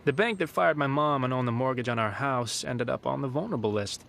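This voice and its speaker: A young man playing a hacker who narrates his scheme in a calm, wry voice-over. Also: medium pitch, brisk, gravelly, a little hiss or hum. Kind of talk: scripted voice-over and dialogue. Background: film music.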